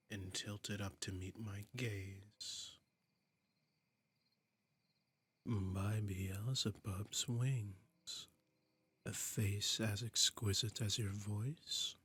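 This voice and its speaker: Heavily acted, a man's lowish, slightly bright voice portrays a flirtatious, commanding demon prince in an intimate roleplay audio drama. He is silky, teasing and imperious, his breathy delivery often dropping near a whisper, and he sounds intrigued.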